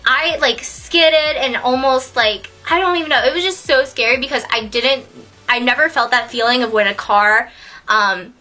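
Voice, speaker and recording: A young woman telling a story on her vlog, animated and sweary, laughing often. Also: sits high, moderate pace. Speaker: vlogger.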